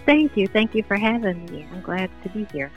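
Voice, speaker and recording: A woman's voice: medium pitch, lively intonation, brisk, soft background music. A woman guest heard over the phone, speaking a little hesitantly and restarting her sentences as she explains her work at the library. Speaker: children's library specialist guest. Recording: muffled phone line.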